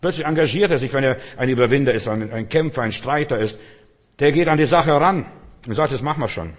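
A man's voice: mid-range voice, fast. A man preaching a sermon, addressing listeners directly with emphatic repetition.

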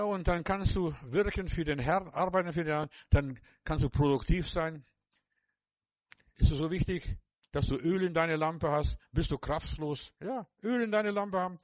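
A man's voice: a little high, dry recording. An older man preaching a sermon, fervent and repetitive, speaking straight to the listener with many restarts.

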